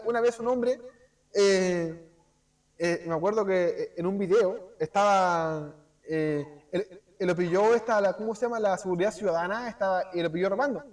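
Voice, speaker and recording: A man with a Chilean accent preaching an informal sermon in a church, animated and asking rhetorical questions. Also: sits high, distant mic. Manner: animated, asks rhetorical "cierto?", acts out quick voices. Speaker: preacher teaching a Bible class.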